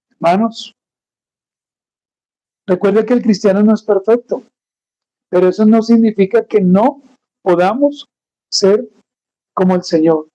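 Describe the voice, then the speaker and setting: A man's voice: sits high, mellow, muffled recording. A man preaching a sermon as pastor, firing rhetorical questions and calling the congregation "brothers" again and again. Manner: rhetorical questions, repeats "hermanos" constantly.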